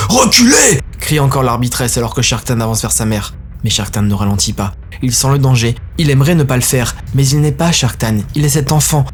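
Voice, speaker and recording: A man narrating a dark science-fiction audio story in a grave, intense manner. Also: mid-range voice, slight background noise.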